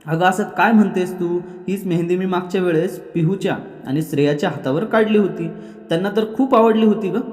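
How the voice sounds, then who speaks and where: A man's voice: high-pitched, brisk, darkish tone, reverberant, long reverb tail, soft background music, voice pushed up, lightly acted. A man voicing a playful young husband who teases his wife. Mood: teasing. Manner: teasing, playful.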